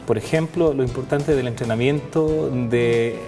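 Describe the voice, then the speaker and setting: A man hosting a faith program, speaking slowly and searching for words with restarts. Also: medium pitch, long reverb tail, music in the background. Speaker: host.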